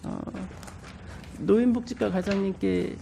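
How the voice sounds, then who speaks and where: A woman with a stuffy nose from a cold, politely putting formal questions as a council member in a measured, slightly hesitant way. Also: medium pitch, steady tone, creaky, background noise.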